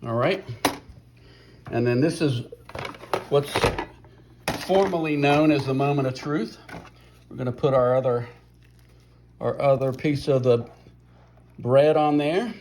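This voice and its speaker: A middle-aged man of ordinary pitch talks through a sandwich on his phone-shot cooking vlog. His delivery is relaxed and folksy, dotted with "uh" and "um". He comes across as a friendly, unpolished home host. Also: slow, pauses often, background noise. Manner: relaxed and folksy, with many fillers. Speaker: fan forum founder and video host. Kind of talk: casual cooking vlog chat. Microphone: phone held by the speaker.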